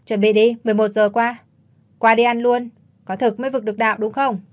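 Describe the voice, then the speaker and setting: A woman's voice: fairly high pitch, little pitch movement, natural voice. A woman doing a breezy, chatty young man. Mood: cheerful. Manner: quick, loud and breezy. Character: lively joking young man, cheerful and talkative.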